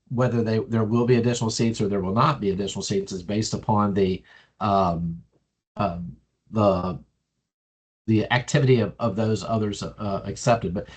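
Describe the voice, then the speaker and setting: A man from the admissions staff, answering questions slowly with many ums and restarts. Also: fairly low pitch, husky, poor audio.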